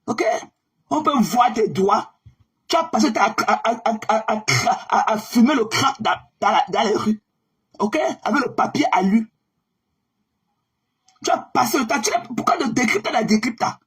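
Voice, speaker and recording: Husky woman ranting on a live stream. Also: a little high, animated, moderate pace. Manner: confrontational, mocking, repetitive. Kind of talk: live-stream rant addressing a rival.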